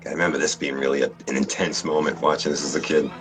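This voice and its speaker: A man's voice: extremely low pitch, little pitch movement, fast talker, a bit bright. A man hosting a casual watch-along commentary, joking and wisecracking while a film plays. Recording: film music playing behind.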